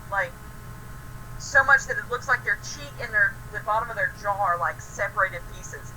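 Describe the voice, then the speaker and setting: A young woman chatting with a friend over the phone, excitable and animated, swearing often as she tells stories. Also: medium pitch, normal speed, slight background noise, low-quality recording. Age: young adult. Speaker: friend on a call. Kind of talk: casual chat.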